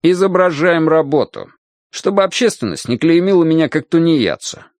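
A man voicing an unhurried, dryly ironic male janitor who speaks deliberately. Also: fairly high pitch, animated, darkish tone, no room sound, pitched above the performer's own voice, close to an everyday voice.

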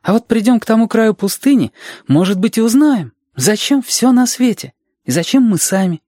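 A reader voicing Reshka, an eager, anxious boy guide, in a high, pleading, restless voice in an audiobook. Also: lively intonation, normal speed, warm tone, no room sound, clean studio sound, close to an everyday voice. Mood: earnest. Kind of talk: audiobook reading.

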